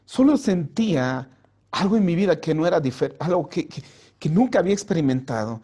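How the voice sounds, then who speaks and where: Male pastor, personal testimony, high and earnest, raises his voice when he acts out quotes. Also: expressive, breathy edge. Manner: drops soft and slow for prayers. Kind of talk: personal testimony to a youth group. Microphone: home mic for an online vigil.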